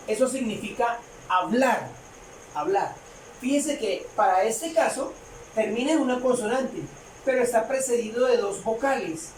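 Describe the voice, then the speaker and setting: A woman explaining a grammar rule to a class, halting often with fillers and repeating her phrases. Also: fairly high pitch, darkish tone. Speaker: English teacher. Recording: echoey room, distant mic, faint noise.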